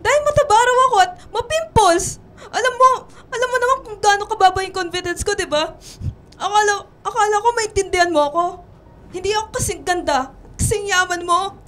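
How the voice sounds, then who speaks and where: A young woman playing a pleading, insecure, resentful girl in a radio drama, tearful and halting, with a Filipino accent. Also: very high-pitched, a bit bright. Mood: hurt, defensive.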